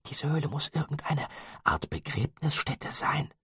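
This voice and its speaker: A wry teenage boy explorer, as a man reads him in an audiobook, talking low and hushed with a husky edge. His voice sits a bit higher than the narrator's, in a dry, close recording. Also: lively intonation, moderate pace, no room sound, full character voice. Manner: muted, wry explanations.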